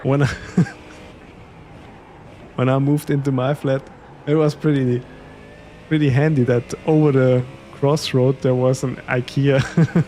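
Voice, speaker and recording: A man with a medium-pitched, dark-toned voice chats casually during a live stream, heard over slight background noise. He's an Austrian sim racing streamer who speaks German natively, has an Austrian German accent, and chuckles often while talking to viewers.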